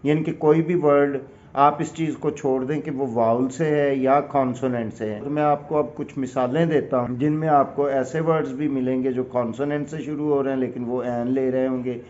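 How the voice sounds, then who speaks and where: A man's voice: medium pitch, a little mellow. A man from Pakistan with a Pakistani accent, teaching an English grammar lesson with patient, step-by-step explanations and examples. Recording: dull lo-fi recording.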